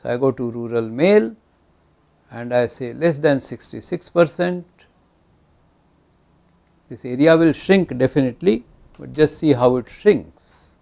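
Creaky-voiced older Indian man mixing Hindi and English. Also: medium pitch, expressive, a little slow, pauses often, mellow. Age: 60s. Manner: mixes Hindi phrases into English; poses questions to himself and answers them. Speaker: lecturer. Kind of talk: explanatory lecture, conversational. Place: small indoor studio. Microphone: lapel mic.

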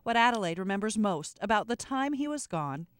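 A woman's voice: medium pitch, expressive, brisk, smooth, no room sound. A woman reading scripted documentary narration as a voice-over. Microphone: close studio voice-over mic.

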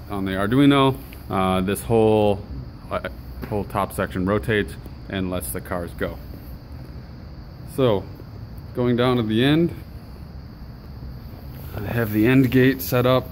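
A hobbyist maker with a lowish voice shows off his build in a relaxed, explanatory show-and-tell, full of ums and uhs. He's filming on a handheld phone camera indoors in his home basement, with a steady air-conditioner hum in the background.

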